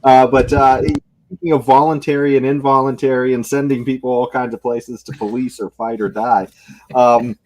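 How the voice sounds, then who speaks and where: A man hosting a political talk podcast, with a voice of average pitch for a man. He talks in an easygoing way and pauses on fillers. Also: fairly even intonation, darkish tone. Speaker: podcast host. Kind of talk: casual political discussion.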